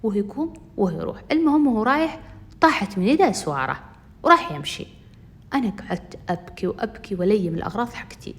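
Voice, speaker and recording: A woman's voice: mid-range voice, big pitch swings, fast talker. A young woman telling a first-person story, chatting directly to her listeners.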